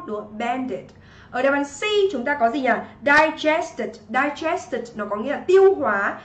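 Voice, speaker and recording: A woman's voice: sits high, a bit bright, echoey room. A young Vietnamese woman, an English teacher, energetically reviews an exam on a livestream and keeps asking her students if they follow.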